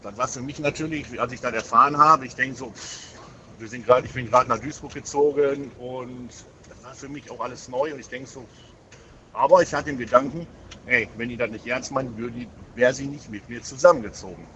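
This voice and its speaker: A man's voice: mid-range voice, fairly quick, sharp tone, muffled recording. A man in his forties telling personal stories in a rambling, emotional way, with many hesitations and restarts. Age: 40s. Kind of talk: casual chat.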